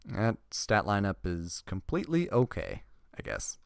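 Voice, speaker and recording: A man with a fairly low voice, recorded close and dry with no room sound. He reviews trading cards in a relaxed, chatty way, reading the card text aloud and adding wry remarks and laughter as he goes. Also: measured pace, vocal fry, smooth, no room sound.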